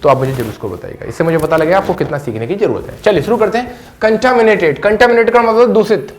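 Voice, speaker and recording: A male English teacher with a Hindi accent runs through a vocabulary list at a board. His voice sits a little high for a man, and he repeats each word and its meaning several times. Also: animated, fast, slight background noise. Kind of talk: vocabulary lesson to camera. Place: classroom with a board.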